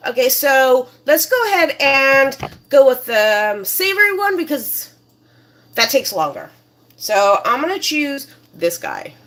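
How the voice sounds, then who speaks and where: Woman, cooking show host, home kitchen, chatty and rambling, a touch high-pitched. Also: very animated, measured pace, fairly bright tone. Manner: chatty and rambling, many fillers. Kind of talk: casual cooking demonstration.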